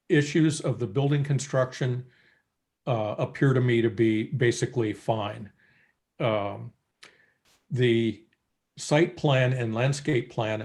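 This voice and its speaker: A man on a group video call, a commission member giving measured remarks at a public meeting, with frequent filler pauses. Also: medium pitch, a little mellow. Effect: heard over a group video call.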